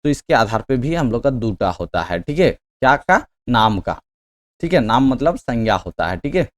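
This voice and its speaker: Man, exam coaching teacher, middle pitch, reads questions slow and loud, keeps asking "theek hai". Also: very animated. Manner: reads questions slowly and loudly, then urges quick answers; frequent "theek hai" checks. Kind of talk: quiz-style lesson.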